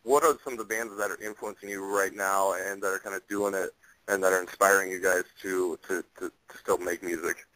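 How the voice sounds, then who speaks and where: A man's voice: sits low, flat delivery, fairly quick, pushed and bright, no echo, poor audio. A man chatting and joking on a casual radio show, rambling through his questions.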